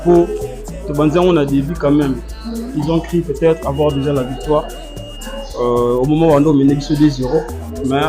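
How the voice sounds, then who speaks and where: A man with a fairly high voice answering questions and talking about his team with sure, animated confidence. Loud music fills the space behind him. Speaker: fan interviewed. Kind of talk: casual interview answers.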